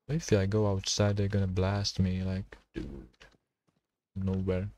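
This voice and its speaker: A man streaming a survival game, talking to himself and his chat in halting, while he plays. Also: low-pitched, monotone, a little mellow. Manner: halting non-native English, thinking aloud while playing. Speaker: gaming streamer. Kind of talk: casual gameplay commentary.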